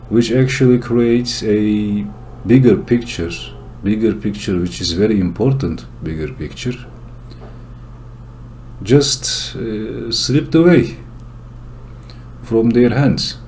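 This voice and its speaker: Slow, mellow man with a Turkish accent. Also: medium pitch, lively intonation, slight background noise. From Turkey. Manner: earnest, deliberate explaining. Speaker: channel host. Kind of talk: solo commentary monologue.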